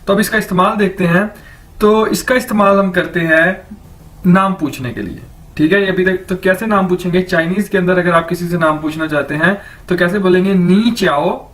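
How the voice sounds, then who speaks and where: A man's voice: sits high, fairly bright tone, recorded from a distance, rough recording. A man teaching a language lesson, saying each word several times and checking in with the listener. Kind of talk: slow instructional lecture with repetition drills.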